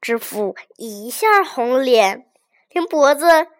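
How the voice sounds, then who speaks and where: A woman reads a folk tale aloud with expressive, clear delivery. Her voice sits high and she takes an unhurried pace. It sounds like a storytelling program. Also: background noise.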